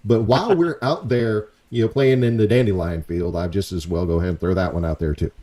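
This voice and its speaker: A man's voice: fairly low pitch, fairly quick, dark tone. A man hosting a podcast in a casual, rambling way, often repeating himself. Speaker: podcast host. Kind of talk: casual chat.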